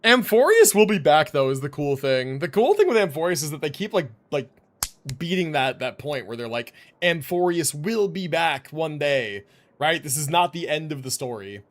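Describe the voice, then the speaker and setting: Speaking at a normal speed, a man with a slightly high, very animated voice hosts a gaming livestream. He chats casually into a streaming microphone, rambling in slang and swearing now and then.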